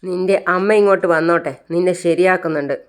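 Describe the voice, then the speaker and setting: A harsh old grandmother snaps and scolds in a storybook tale, voiced by a woman. The voice is smooth and fairly low, with a sharp edge. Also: fairly even intonation, quick pace, lightly acted. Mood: angry scolding.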